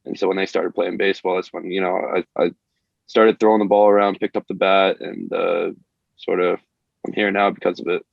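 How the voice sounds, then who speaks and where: A young college baseball player from Maine, USA, answers interview questions hesitantly, full of fillers and restarts, on dull lo-fi audio. His deep voice has vocal fry, little pitch movement, a fairly quick pace, and no echo.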